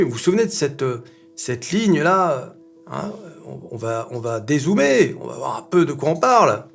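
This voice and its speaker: A man hosting a casual market commentary video, chatty and animated, full of fillers and rhetorical questions. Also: fairly high pitch, vocal fry. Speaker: finance video host.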